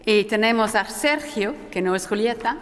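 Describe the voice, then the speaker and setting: A woman's voice: on the high side, moderate pace. A woman with a non-native Spanish accent moderating a conference panel, hesitant and often correcting herself, her voice echoing through a hall like in a cathedral. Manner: hesitant delivery with frequent self-corrections. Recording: echoey hall with long cathedral-like reverb.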